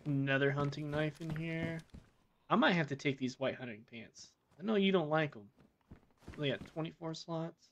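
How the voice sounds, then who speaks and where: A man's voice: on the high side, normal speed, fairly bright tone, lo-fi sound, a little hiss or hum. A man chatting casually while playing a co-op game, joking and swearing with his partner. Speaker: gamer.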